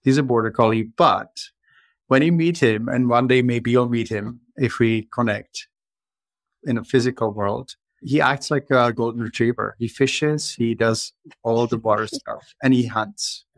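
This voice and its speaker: A man with a Czech accent hosts a casual podcast chat, drifting into long personal stories. His voice sits at an ordinary middle pitch. The recording is dry and close with no room sound. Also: a little slow, no room sound. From Czech Republic. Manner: rambling, personal storytelling. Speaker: podcast host.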